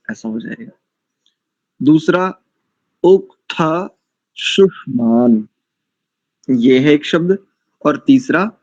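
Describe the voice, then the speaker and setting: A man's voice: on the high side, dry recording, highs cut off. A man with a Hindi accent teaching Vedic mantra pronunciation in an online class, breaking words into syllables and repeating them. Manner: slow, syllable-by-syllable pronunciation drills. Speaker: Sanskrit chanting teacher.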